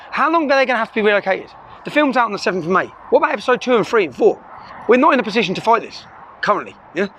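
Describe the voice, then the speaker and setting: A middle-aged vlogger talks urgently and emphatically to the camera filming him in his car, an impassioned address punctuated by "yeah?". His voice sits high with a fairly bright tone, and there's a little hiss or hum.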